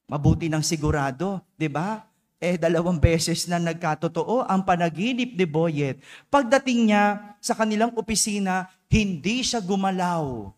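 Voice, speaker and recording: A man's voice: high voice, unhurried. A male priest giving a dawn-mass homily, telling a story and checking in with the congregation by asking them to agree. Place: church.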